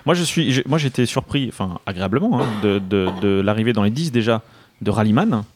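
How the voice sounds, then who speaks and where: A man's voice: fairly low pitch, animated, noisy background. A man co-hosting a radio show about board games, presenting the news in a joking, casual way and often restarting his sentences. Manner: joking, reads notes, halting restarts. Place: studio round a table.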